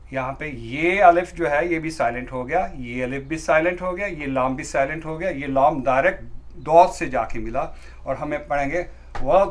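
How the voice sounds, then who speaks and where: A middle-aged man teaching beginners to read the Quran. He explains the rules patiently, step by step, and recites verses slowly with long stretched tones. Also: medium pitch.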